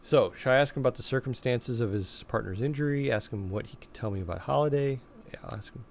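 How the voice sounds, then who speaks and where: A man live-streaming a role-playing game, reading on-screen dialogue aloud in a casual, chatty way. His voice is medium-pitched and a little worn, as if he is losing it. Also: quick pace, vocal fry, a little hiss or hum. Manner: casual, chatty, laughs often, reads dialogue in plain voice.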